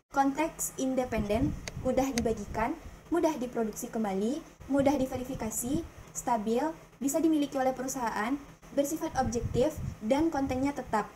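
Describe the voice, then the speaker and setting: A young woman, a student, reads her slide presentation aloud at an even, careful pace, working through lists. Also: sits high, a little hiss or hum, poor audio. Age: young adult.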